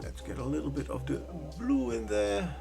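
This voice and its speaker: A man's voice: on the high side, lively intonation, moderate pace, gravelly, music in the background. A man chatting casually on a live painting stream, rambling and correcting himself with jokey asides into a desk microphone.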